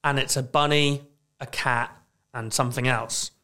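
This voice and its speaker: A man co-hosting a casual gaming podcast, talking with dry, deadpan humour and laughing easily. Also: mid-range voice, normal speed, clear, resonant tone. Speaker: podcast co-host. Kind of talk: casual chat.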